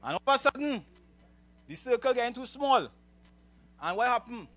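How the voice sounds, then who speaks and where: In a dry recording, a man from Trinidad and Tobago uses a very high-pitched, fairly bright voice with big pitch swings, speaking at normal speed. He preaches into a handheld mic on a church hall stage, emphatic and repetitive, drawing call-and-response agreement from listeners.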